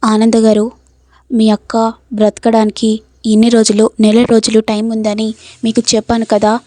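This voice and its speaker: A grave male doctor breaking bad news in a spoken storybook, read by a woman. The voice stays her own, slightly high with a dark, mellow tone. The delivery is level, and the recording is dry. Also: completely flat delivery, moderate pace, no room sound, lightly acted. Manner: plain read-out lines, hardly acted.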